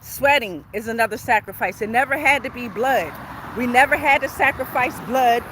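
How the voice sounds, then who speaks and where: Fairly high-pitched and moderately paced, a woman hosts a relaxed livestream on her phone while walking outside near traffic. A tarot reader by trade, she repeats phrases and keeps checking in with her followers, with traffic sounds in the recording.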